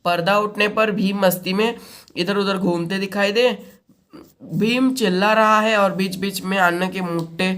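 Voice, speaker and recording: A woman teacher is reading a school play aloud. She pauses to explain words in a casual, plain tone. Her pitch is average. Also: fairly even intonation, fairly bright tone.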